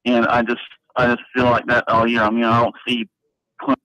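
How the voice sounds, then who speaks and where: A man's voice: medium pitch, monotone, fairly quick, bright, forceful tone, dry recording. Man caller, heard down a dull phone line, rambling casual sports take, dry sound. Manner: rambling, run-on predictions. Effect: heard over a phone line. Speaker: radio call-in caller. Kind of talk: casual call-in sports opinion.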